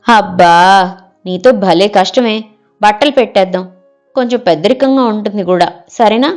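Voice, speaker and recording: A woman's voice: medium pitch, normal speed, darkish tone, soft background music, natural voice. A woman reading the part of a middle-aged husband in an audio story, eagerly offering one gift idea after another. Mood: coaxing. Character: husband, a middle-aged man, proud and easily exasperated.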